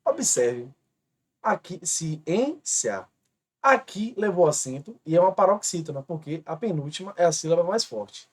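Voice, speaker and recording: Writing on a board, a man from Brazil walks through an exam-prep grammar lesson one step at a time, slowly repeating each example word. His voice sits a little high and sounds expressive.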